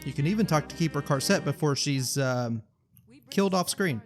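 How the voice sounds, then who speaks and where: A man narrating a gameplay video in a slightly high voice, wry and full of joking asides. Faint music plays under his commentary. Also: lively intonation, moderate pace. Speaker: gaming YouTuber.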